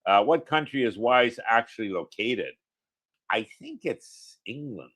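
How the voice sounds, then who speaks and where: A man's voice: medium pitch, lively intonation, a little slow, fairly bright tone. A man co-hosting a casual livestream in an easygoing way, reading viewer comments aloud and chatting.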